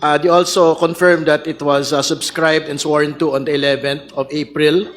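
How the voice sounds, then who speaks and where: A man with a Filipino accent and a fairly high voice. He questions formally as a congressman in a hearing, choosing his words deliberately and often halting between them. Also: flat delivery, a little hiss or hum. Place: legislative hearing room, over microphone.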